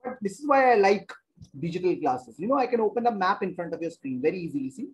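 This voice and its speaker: A man teaching a class over a video call. He explains slowly and repeats phrases, filling gaps with hesitations while he works the computer. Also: sits high, sing-song, low-quality recording. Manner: repetitive, thinks aloud with many hesitations.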